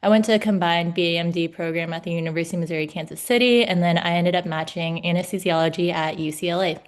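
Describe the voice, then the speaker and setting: A woman's voice: on the low side, steady tone, fast, clear, resonant tone. Easygoing young woman from Texas. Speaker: panelist, new medical graduate. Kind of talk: casual panel talk. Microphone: video call.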